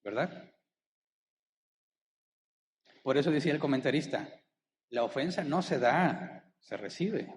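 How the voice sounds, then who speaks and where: A male pastor preaching a sermon. He keeps asking the congregation rhetorical questions and slows down to stress the key words. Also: medium pitch, expressive, long reverb tail. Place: church hall.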